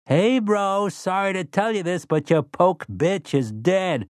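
A man voicing a gleeful, mocking man who drawls his taunts slowly. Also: fairly high pitch, huge pitch swings, darkish tone, no room sound, studio quality, pitched above the performer's own voice, full character voice. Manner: sneering, drawn-out.

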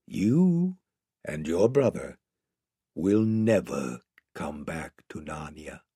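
Man voicing Aslan, a hushed, majestic great lion. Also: big pitch swings, dry recording, clean studio sound, exaggerated voice. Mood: tender, grave. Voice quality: low, soft, breathy. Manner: slow, gentle, grave. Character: great male lion, gentle, solemn and majestic.

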